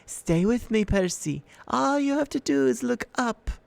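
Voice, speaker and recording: A man's voice: very high voice, lively intonation, measured pace, vocal fry, no room sound, voice pushed up, full character voice. A man voicing a sweet-voiced old female monster with a purring, coaxing manner in an audiobook. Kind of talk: audiobook character voice.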